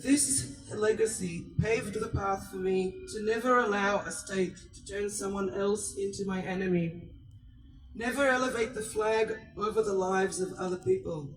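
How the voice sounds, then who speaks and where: A woman born in Israel, giving an earnest, measured prepared speech at an outdoor protest rally. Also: medium pitch, steady tone, distant mic, faint music behind, poor audio. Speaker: rally speaker.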